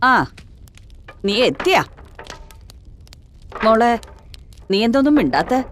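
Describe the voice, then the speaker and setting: A woman's voice: on the high side, big pitch swings, slow pace, slight background noise. An actress playing a poor, distraught mother who works as a kitchen maid, crying as she speaks. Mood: frantic, pleading. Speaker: mother of the victim. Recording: film audio with loud music score.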